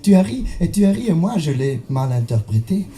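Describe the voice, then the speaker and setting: A man's voice: on the high side, big pitch swings, a little fast, warm tone, slight background noise. Swiss German man performing comic slam. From German-speaking Switzerland. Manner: humorous storytelling, playful sung asides. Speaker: slam poet.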